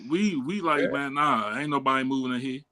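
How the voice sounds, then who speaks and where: A man's voice: mid-range voice, brisk, crowd noise. A man co-hosting a podcast in slangy casual chat, often tagging "you know what I'm saying.".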